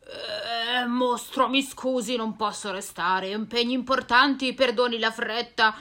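A woman voicing a big, hungry, boastful dragon in a storybook reading, loud and blustering. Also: on the high side, steady tone, measured pace. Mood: flustered.

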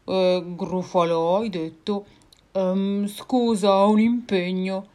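Woman putting on a slow-witted hungry monster, gruff, slow drawl, lower voice. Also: mellow. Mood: flustered.

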